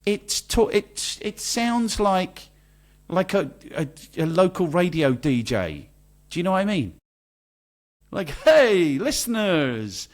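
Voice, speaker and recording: A man co-hosting a casual podcast, his voice sitting a little higher than most. He talks in exasperated, sweary rants, piling on rhetorical questions. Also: expressive, measured pace. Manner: exasperated, ranting, swears freely. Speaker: podcast co-host. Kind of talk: casual chat.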